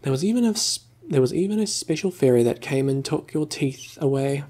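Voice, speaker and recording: A man softly voicing an earnest, naive tourist. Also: a little high, lively intonation, a little fast. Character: naive eager male tourist. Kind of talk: whispered role-play.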